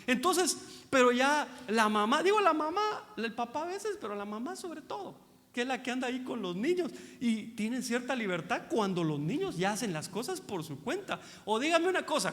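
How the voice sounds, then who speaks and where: Lively high-voiced pastor. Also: male voice, long reverb tail. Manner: asks the congregation rhetorical questions, addresses them as brother; folksy, joking asides. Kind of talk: conversational sermon. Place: church hall.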